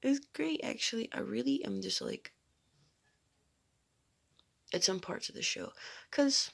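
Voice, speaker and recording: Young woman, vlogger, casual rambling chat, giggly, whispery asides, gravelly fry. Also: a little high, expressive, a little slow, fairly bright tone. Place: her room at home.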